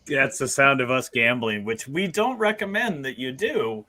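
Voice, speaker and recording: A man co-hosting a casual football chat in a measured, agreeable way. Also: medium pitch, animated, pushed and bright. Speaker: podcast co-host.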